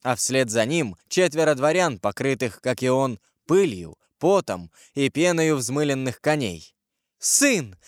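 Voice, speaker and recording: Measured male audiobook narrator. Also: mid-range voice, no echo, clean studio sound. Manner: measured, expressive. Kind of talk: dramatic audiobook reading.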